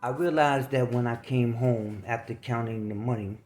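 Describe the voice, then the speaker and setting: An older man from New York reading aloud from his own memoir, unhurried and plainspoken, with casual asides. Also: medium pitch, darkish tone. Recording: roomy room with faint background noise.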